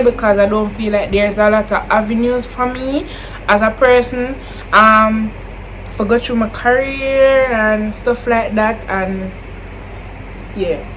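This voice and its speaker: A twenty-year-old Jamaican woman chats casually to camera while answering viewer questions, drifting into Creole phrasing and repeating herself. Her voice is a little high and fairly bright. The audio is poor, with a bit of hiss or hum.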